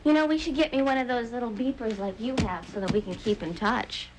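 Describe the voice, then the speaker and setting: Actress as young stage actress, playful storyteller, soap drama. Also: female voice, a little high, fairly quick, noisy background, lightly acted. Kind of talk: 1980s daytime soap acting.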